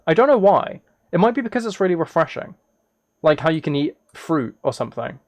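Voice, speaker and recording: A live streamer with a slightly high voice and big swings in pitch talks a little fast, with no echo. Casually rambling to his viewers, he muses aloud and keeps restarting phrases while typing and clicking fill the background.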